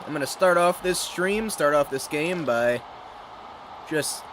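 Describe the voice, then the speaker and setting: A young American streamer speaks a little slowly in an expressive, slightly high voice, with video game music and background noise behind him. Chatting casually and cheerfully with his live-stream viewers, he greets chat and calls plays in a football video game.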